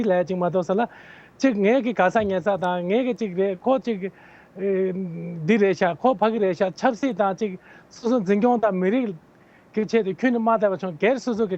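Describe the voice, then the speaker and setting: Brief: male candidate, high-pitched, earnest and explanatory, dull lo-fi sound. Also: normal speed, a little mellow. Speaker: political candidate interviewed as guest. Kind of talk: answering interview questions at length.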